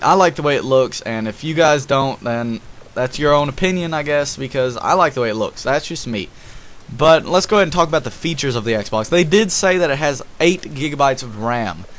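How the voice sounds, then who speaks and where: A young man giving casual, rambling commentary over gameplay, excited and addressing his viewers directly. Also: medium pitch. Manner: rambling and enthusiastic, talks to viewers as guys. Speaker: gaming YouTuber.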